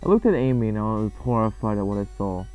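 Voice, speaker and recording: A man with a fairly low, animated voice talks fast while dramatically reading a creepy horror creepypasta, then reacts casually afterward. The muffled, lo-fi recording has loud, eerie game music behind him.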